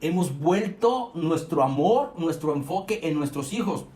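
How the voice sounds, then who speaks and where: Middle-aged male youth pastor from Mexico, earnest sermon delivery, fairly high voice, echoey room. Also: expressive, darkish tone. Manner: earnest, rises and slows for emphasis, frequent self-corrections.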